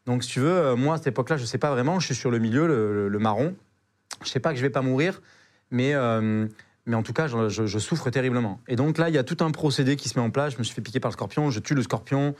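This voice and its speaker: A young man tells an adventure story as a podcast guest, loose and slangy. He stumbles and repeats words as he goes, and his pitch sits in an ordinary middle range. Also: fast talker. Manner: slangy, animated, full of hesitations and repeated words. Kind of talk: casual storytelling.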